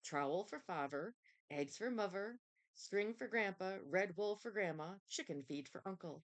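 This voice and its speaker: A woman's voice: medium pitch, lively intonation, normal speed, close to an everyday voice. A woman reading a storybook voices a small, dutiful, solemn little girl with childish lisping speech. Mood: earnest.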